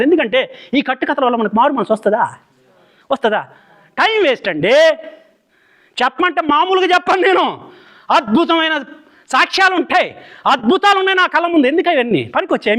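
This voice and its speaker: A man's voice: very high-pitched, bright, forceful tone. A man preaching a fiery sermon in Telugu, firing rhetorical questions at the congregation.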